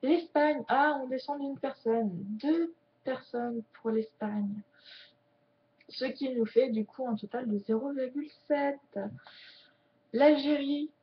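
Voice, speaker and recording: A woman chatting casually to camera as a sign language YouTuber, joking and slowing her words as she signs. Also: high-pitched. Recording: dull lo-fi sound.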